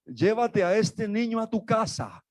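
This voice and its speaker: A man voicing a kind Egyptian princess who gently gives orders to a servant. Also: high voice, sing-song, a little slow, pitched above the performer's own voice. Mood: gentle.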